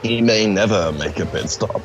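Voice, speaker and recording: A man's voice: lowish voice, moderate pace, a little hiss or hum. A man co-commentating a sim race, laid-back, teasing and sweary. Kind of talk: casual sim-racing commentary. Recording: music playing behind.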